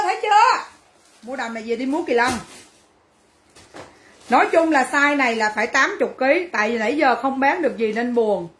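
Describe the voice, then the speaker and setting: Brash high-voiced saleswoman. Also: roomy sound. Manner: brash, teasing, banters with viewers. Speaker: livestream clothing seller. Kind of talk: livestream sales chat.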